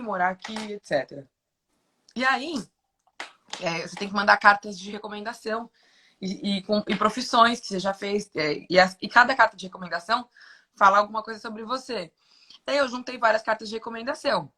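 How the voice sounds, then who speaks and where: A woman with a São Paulo accent chats as a guest on a live video call. Her voice is bright and sharp, and she talks in a lively way, laughing easily as she tells her story. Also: medium pitch. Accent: Brazilian Portuguese, São Paulo. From Brazil. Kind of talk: casual live-stream chat.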